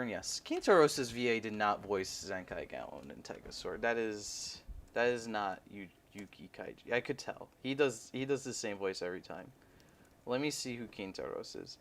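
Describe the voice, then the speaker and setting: A young man chatting casually as he unboxes a toy, rambling and excitable like a fan. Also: fairly low pitch, vocal fry, a little hiss or hum. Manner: rambling, excitable fan talk with frequent laughs. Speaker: toy reviewer.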